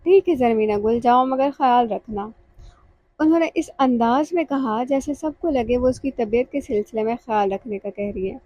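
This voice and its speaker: Mellow, high-voiced woman narrating a novel. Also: a little hiss or hum, low-quality recording. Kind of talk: scripted audiobook narration.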